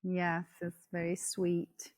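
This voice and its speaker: A woman in her thirties with an Italian accent speaks slowly and unhurriedly in a lowish voice. She is a podcast guest on a video call from her home, stopping often for fillers and restarts and laughing between thoughts. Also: completely flat delivery, a little mellow. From Italy. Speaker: guest, coach. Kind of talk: casual podcast interview. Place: yurt at home.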